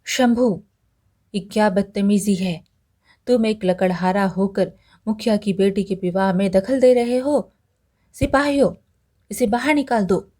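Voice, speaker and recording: A woman voicing a stern, quick-tempered older village headman who gives angry orders. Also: mid-range voice, darkish tone, close to an everyday voice. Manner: angry, commanding.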